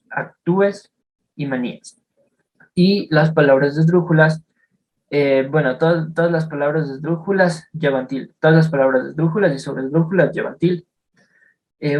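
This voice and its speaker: A man's voice: mid-range voice, low-quality recording. A young male student giving a class presentation, hesitant with many fillers as he reads out examples.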